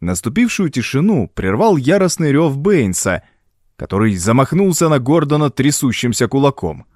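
A man narrating an audiobook in an expressive, dramatic reading. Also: medium pitch, normal speed, no room sound, clean studio sound. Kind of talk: scripted narration.

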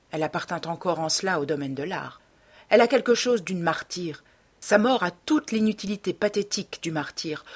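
A woman reading the part of a cynical, self-assured young man in an audiobook, in a smooth, detached way. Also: lowish voice. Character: cold, cynical young male dandy.

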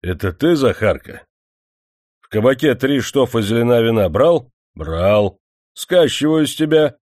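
A man reads an audiobook in a mid-range, darkish voice that is expressive and unhurried, pushed up yet close to an everyday voice. He plays a greedy, hypocritically pious factory manager who scolds and mocks the workers with pompous, sanctimonious scorn. The clean studio recording has no echo.

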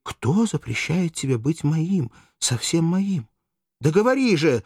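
A man's voice: fairly high pitch, sing-song, measured pace, a little mellow, slightly rough, dry recording, studio quality, voice pushed up, heavily acted. A man voicing a frantic young Roman noblewoman. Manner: pleading, urgent questioning. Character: passionate young Roman noblewoman, anxious, demanding.

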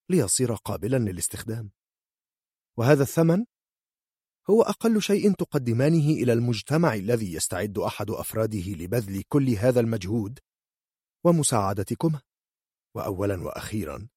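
A shrewd young healer girl, put on by a male storyteller, her voice lifted a little above his own, cool and quick. The tone is husky and dry, with close, unechoing sound. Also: on the low side, mellow, no echo, voice pushed up. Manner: cool, matter-of-fact and bargaining.

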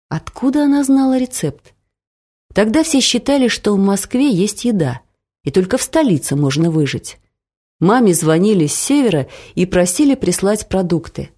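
Mellow, lively woman audiobook narrator. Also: lowish voice. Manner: expressive first-person storytelling.

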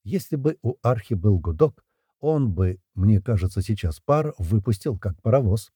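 A male audiobook narrator with a husky, very dark voice and a lively, wry, slangy delivery. His pitch swings widely as he tells the story. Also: normal speed, no room sound, clean studio sound. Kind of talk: scripted first-person narration.

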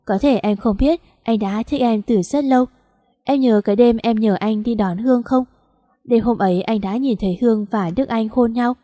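A woman reading as a gentle young man, warm and soft. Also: on the high side, normal speed, lightly acted. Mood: tender.

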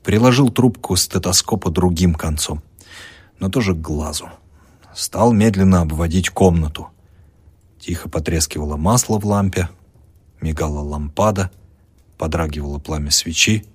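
A man reads a story aloud in a measured, expressive audiobook delivery. His voice sits very deep and has a husky grain. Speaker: audiobook narrator. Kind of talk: dramatic audiobook narration.

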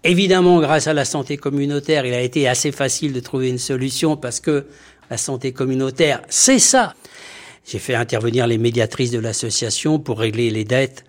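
A man who is a doctor and community health activist, giving documentary interview testimony in an earnest, emphatic way with frequent pauses and hesitations. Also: medium pitch.

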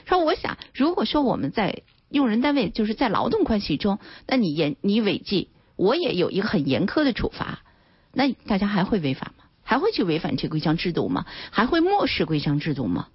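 A woman lawyer speaking as a radio talk show guest, with a slightly husky, fairly high voice. She explains animatedly, jumping up and down in pitch as she acts out little scenes. The recording is a dry studio with a dull broadcast quality. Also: sing-song, a little fast, dry recording.

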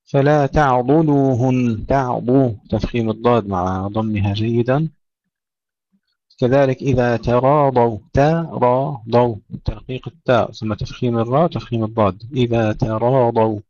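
Give me a man teaching Quran recitation in a dry, close recording, reciting slowly, then explaining briskly. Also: mid-range voice, steady tone, darkish tone, no echo. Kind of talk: tajweed lesson. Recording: dull lo-fi, dry sound.

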